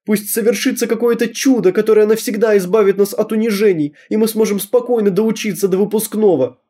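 A man's voice: animated, moderate pace, dark tone. A man voicing a sobbing teenage schoolgirl. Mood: sobbing prayer. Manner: sobbing, pleading, high strained delivery. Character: tearful teenage schoolgirl, desperate and pleading.

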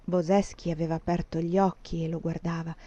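A woman reading a novel aloud in the first person, expressive and dramatic. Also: lowish voice, fairly quick, no echo. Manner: expressive, rising to near-sobbing at tense moments. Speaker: reader of a novel. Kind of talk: dramatic audiobook narration. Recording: dull dry recording.

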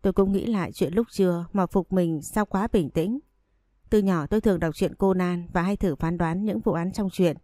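A woman calmly reading a first-person story aloud. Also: lowish voice, moderate pace, no echo, studio quality.

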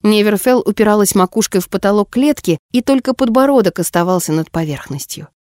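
A woman narrating a story in a measured, expressive audiobook reading. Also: mid-range voice, dry recording, clean studio sound.

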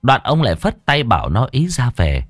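A man narrating a spoken story in a measured, expressive way. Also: medium pitch, dry recording, clean studio sound, faint music behind.

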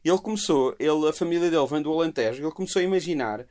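A man's voice: on the high side, racing, darkish tone. A young man chatting casually with friends about music, explaining in slangy bursts with repeated starts.

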